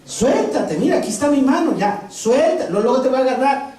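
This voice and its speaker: A man's voice: very high-pitched, animated, a little fast, dark tone, pitched above the performer's own voice. A man voicing the risen Jesus in a sermon story, teasing a stubborn man and insisting that he let go. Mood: insistent coaxing. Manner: playful, scolding, insistent. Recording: distant mic, strong hall echo, faint noise.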